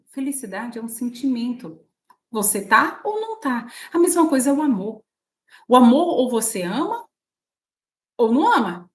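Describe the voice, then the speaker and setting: Woman, Brazilian Portuguese accent, livestream host, chatty, fairly high voice. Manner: chatty, asks the audience often. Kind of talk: casual spiritual talk.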